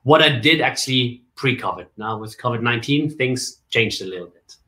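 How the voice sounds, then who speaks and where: Forties male guest raised in Germany, coach and MC type; lively storytelling delivery, mid-range pitch. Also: normal speed. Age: 40s. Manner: lively storyteller, jokes and rhetorical asides. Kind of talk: casual interview on a video call.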